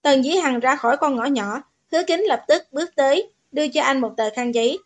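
A woman reads a romance novel aloud in a bright, high voice. Her narration is steady and even, the plain pacing of a scripted audiobook. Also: a little fast.

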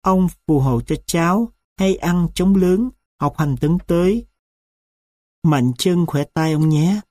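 A man's voice: on the high side, slow, darkish tone, dry recording, clean studio sound. A man voicing a grieving old grandmother who prays tearfully to her late husband at his grave in an audiobook story. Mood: pleading.

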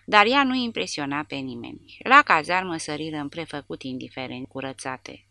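Woman, audiobook narrator, measured dramatic reading, bright tense tone, low pitch. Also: dry recording. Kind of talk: scripted narration.

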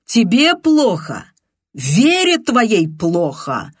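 A reader doing a shouting, hot-tempered man. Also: extremely high pitch, very animated, slow, breathy edge, no echo, clean studio sound, voice pushed up, exaggerated voice. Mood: indignant shouting. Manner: shouting, indignant. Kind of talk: audiobook character voice.

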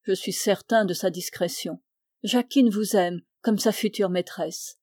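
Une femme lit à voix feutrée les répliques d'un jeune homme amoureux, sincère et tendre, dans un livre audio. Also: female voice, medium pitch, measured pace, a little mellow, no room sound, clean studio sound, lightly acted. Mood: pleading. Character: young man in love, earnest and tender. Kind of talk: audiobook dialogue reading.

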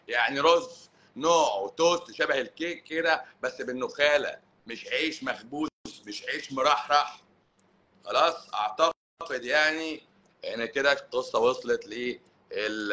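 There's a faint hiss or hum as a man with a sharp, medium-pitched voice reads viewer comments on his live stream. He's a doctor with an Egyptian Arabic accent, and his answers are sarcastic and teasing.

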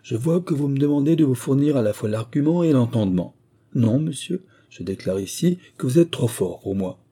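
A man's voice: medium pitch, expressive, moderate pace, warm tone, husky, pitched above the performer's own voice. A man voicing a boastful, mocking country squire in an audiobook, with showy, pseudo-learned bluster. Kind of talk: audiobook character reading.

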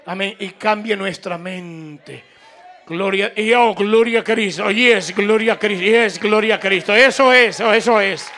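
A man with a Latin American Spanish accent delivers a fervent, informal sermon, repeating himself emphatically and urging listeners to answer back as he takes questions from the congregation. His voice is high and sharp, his pace measured. Some chatter can be heard in the background.

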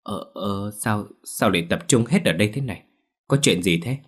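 A man with a low, husky voice playing a frightened village man who stammers in bewilderment. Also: lively intonation, moderate pace. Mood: bewildered. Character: dazed frightened village man, just woken.

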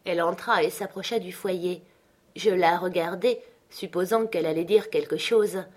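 A woman reads a classic novel aloud in a lowish, measured voice. Her delivery is clear and steady, typical of literary audiobook narration.

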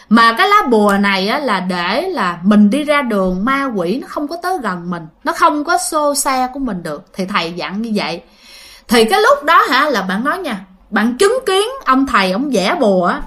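Lady telling a ghost story, chatty, lots of fillers, kinda high voice. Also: fairly bright tone. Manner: chatty, addresses listeners, many fillers. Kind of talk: casual spoken storytelling.

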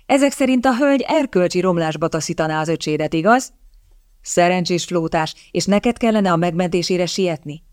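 A man's voice: high-pitched, smooth, no echo, studio quality, natural voice. The narrator voicing a jovial, teasing male army captain who banters with a grin. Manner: mocking, playful, grinning banter.

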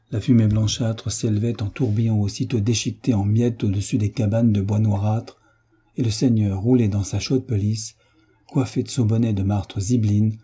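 A man narrating a novel as an audiobook reader, in a measured, even storytelling manner. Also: fairly low pitch, husky. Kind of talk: scripted literary narration.

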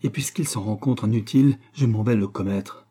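Guy doing a grim young noble bent on revenge, dark husky voice, slow and firm. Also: fairly low pitch. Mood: vengeful. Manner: grim, forceful, measured. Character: vengeful young Venetian nobleman, cold and resolute.

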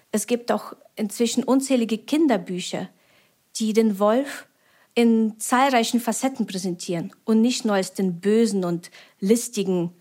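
A woman's voice: mid-range voice, a little mellow. A woman speaking as an expert, explaining in an earnest, academic way. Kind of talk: explanatory talk.

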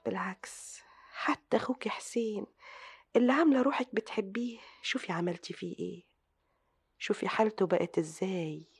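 An actress with an Egyptian accent playing a meddling, sharp-tongued older sister in a radio drama, theatrical and insistent. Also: female voice, high-pitched, very animated, fast. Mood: self-reproach. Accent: Egyptian Arabic. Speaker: sister of the household.

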